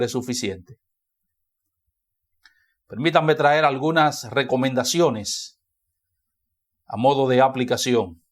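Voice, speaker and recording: Emphatic Dominican pastor preaching. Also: male voice, mid-range voice. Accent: Dominican Spanish. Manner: emphatic, repeats key phrases for emphasis. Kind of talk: sermon. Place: church.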